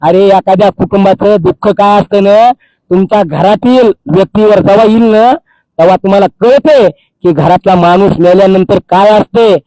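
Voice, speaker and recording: Angry activist, high dark voice, dry close sound, accusing and repetitive. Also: male voice, moderate pace, dry recording, poor audio. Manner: furious, accusing, repeats phrases for emphasis. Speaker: social activist. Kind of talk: angry public tirade. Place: outdoors by a Holi fire.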